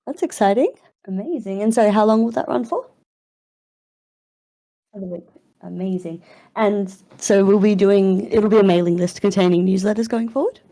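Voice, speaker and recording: A woman's voice: mid-range voice, moderate pace, pauses often, dark tone, dry recording, studio quality. A woman hosting a casual live voice chat, upbeat and chatty, with fillers and frequent laughs, in her morning voice. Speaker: community manager hosting an AMA. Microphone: voice chat headset or computer mic.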